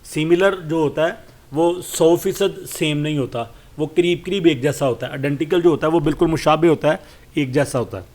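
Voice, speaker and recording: A man with a Pakistani accent giving a study lesson. He reads English lines slowly and explains them, pausing often with fillers. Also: fairly high pitch, a little mellow. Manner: slow, deliberate reading with hesitant fillers. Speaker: lecturer.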